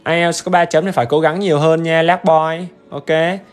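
A man's voice: a little high, fairly even intonation, moderate pace, soft background music. Upbeat man teaching. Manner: upbeat and chatty, keeps urging viewers to comment; repetitive check-ins with the audience. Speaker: English teacher. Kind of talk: livestream exam-review lesson.

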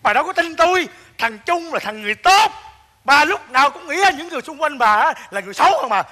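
An actor playing a bossy middle-aged man who poses as a robber, in a comic stage sketch, gruff and scolding. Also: very high voice, expressive, fast talker, sharp tone, heavily acted.

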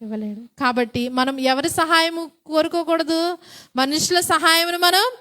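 High-voiced woman preaching with call-and-response. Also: moderate pace, bright, forceful tone. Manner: asks the congregation questions and repeats the answers. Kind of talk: sermon.

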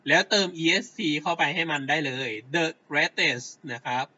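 A man teaching a grammar lesson at an unhurried pace. His voice is bright and fairly high for a man. He keeps checking that his class follows along, and the sound is dull and lo-fi.

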